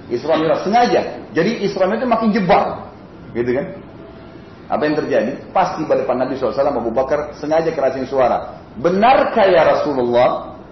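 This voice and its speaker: Animated male preacher in an echoey mosque. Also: on the high side, a little hiss or hum. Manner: animated, dramatic retelling with casual spoken asides. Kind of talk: storytelling sermon. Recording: roomy, slightly dull mosque recording.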